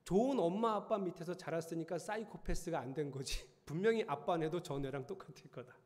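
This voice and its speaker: A man's voice: fairly high pitch, a little fast, a little mellow. A middle-aged male pastor giving a chatty sermon. He often asks the congregation questions. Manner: conversational, teasing the congregation with questions. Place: church sanctuary. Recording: reverberant church hall.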